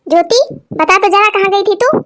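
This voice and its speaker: A woman's voice: very high voice, normal speed, a bit bright. A woman voicing a weary cartoon mother who scolds her two quarrelling daughters. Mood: pleading. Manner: weary, pleading. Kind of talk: cartoon voice acting.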